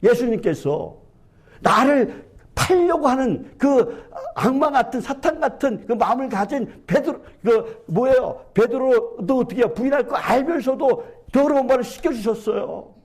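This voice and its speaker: A male pastor preaching a fervent sermon in church, often asking rhetorical questions and filling pauses with "yes.". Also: very high-pitched, lively intonation. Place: church sanctuary.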